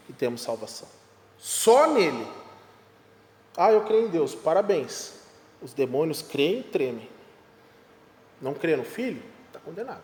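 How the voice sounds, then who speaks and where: A Brazilian man with a notably high voice teaches a Sunday school Bible lesson. He leans hard on his points, repeats the key lines and keeps asking rhetorical questions. His voice rings around a roomy hall with a long, trailing reverb. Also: a little mellow. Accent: Brazilian Portuguese. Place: church classroom or hall.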